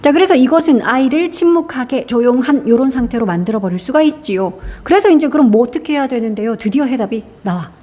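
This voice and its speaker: A woman's voice: sits high, animated, fast talker, hardly any pauses, mellow. A woman from Korea teaching an English exam passage, asking questions and answering them herself. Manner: explains grammar, asks and answers own questions. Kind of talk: lecture on exam reading passage.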